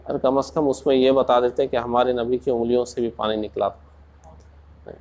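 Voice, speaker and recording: A man preaching in a slow, deliberate way, asking rhetorical questions and rising into passionate emphasis. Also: mid-range voice, steady tone, darkish tone. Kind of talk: Urdu sermon.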